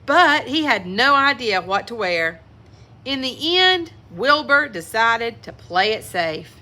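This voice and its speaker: Animated, bright-voiced woman reading aloud. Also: fairly high pitch, slow pace. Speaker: children's story reader. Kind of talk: expressive picture-book read-aloud with asides to young listeners.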